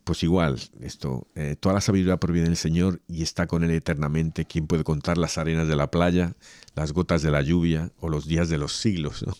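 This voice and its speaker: A man's voice: a bass voice, steady tone, moderate pace, darkish tone, dry recording. A man who reads a Gospel passage aloud and then chats casually about faith, hesitating and restarting as he talks. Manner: hesitant, restarts and laughs while chatting. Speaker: reader and co-host. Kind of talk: Gospel reading and casual religious chat.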